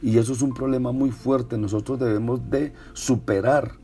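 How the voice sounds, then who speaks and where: A man's voice: mid-range voice, fairly even intonation, normal speed. A man preaching a sermon in an earnest manner, repeating words for emphasis. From Colombia. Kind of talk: radio-style sermon. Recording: soft guitar music behind. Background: faint guitar music.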